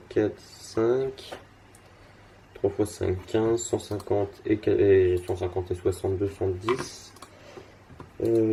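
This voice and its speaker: A man's voice: lowish voice, dark tone, slight background noise. A young man casually commenting on his card game as he plays, thinking aloud with lots of fillers and restarts, tired and yawning.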